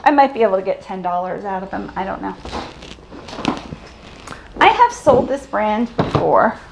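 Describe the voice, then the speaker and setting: Gravelly-voiced woman chatting about thrift finds. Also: mid-range voice, animated, normal speed, noisy background. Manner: chatty, describes items and sizes, laughs easily. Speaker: thrift reseller and channel host. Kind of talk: casual haul chat.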